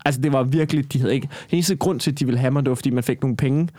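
A man's voice: medium pitch, warm tone. A young man in casual conversation, telling a long personal story in a rambling way, with many restarts and some swearing.

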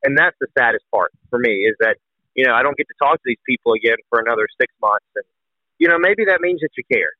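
A man's voice: medium pitch, lively intonation, quick pace, dry recording. A young man, a college baseball announcer, talking earnestly and emotionally as a podcast guest. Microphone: phone call. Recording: tinny phone line.

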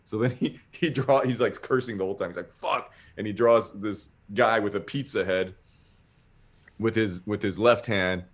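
A man's voice: on the low side, normal speed. Rambling, profane man telling a story. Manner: rambling, profane, animated retelling with acted-out quotes. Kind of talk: casual storytelling.

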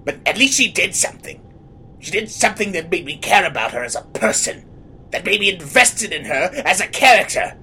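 A man's voice: sits high, big pitch swings, a little fast, pushed and bright, a little hiss or hum. A man hosting a comedy show, bantering about television in a scripted, comic style.

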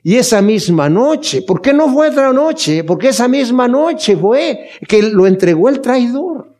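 This man's voice is extremely high and very animated, slightly mellow, and never rushed. He's a pastor delivering a Bible study sermon, earnest and emphatic, posing rhetorical questions and speaking affectionately to those listening.

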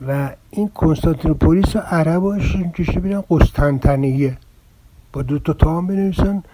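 An older man, a filmmaker, talking through his own essay in a wry, rambling, anecdotal way. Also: a little high. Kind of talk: relaxed spoken essay. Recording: home recording with steady background noise.

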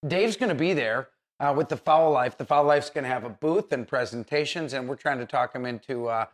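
A man's voice: medium pitch, brisk. A man hosting a casual how-to interview in an encouraging manner. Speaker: host.

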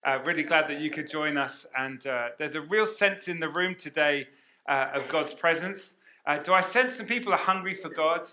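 Pastor, male, lively sermon delivery, headset mic, roomy church reverb, high and bright. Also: normal speed. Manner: energetic, asks the congregation questions. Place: church hall. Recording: echoey church hall.

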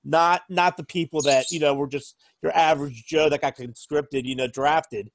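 A man's voice: a little high, fairly even intonation, normal speed, no echo. An American man co-hosting a casual podcast chat who rambles and says "you know" a lot. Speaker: podcast co-host.

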